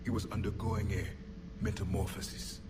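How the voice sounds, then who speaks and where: An actor playing a stern, ancient male alien warrior in a video game, with a formal, cold, measured way of speaking, heard through fuzzy distortion from a faulty recorder. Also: lowish voice, little pitch movement, crowd noise. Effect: fuzzy distorted game audio capture. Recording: loud fuzz and noise from a faulty recorder.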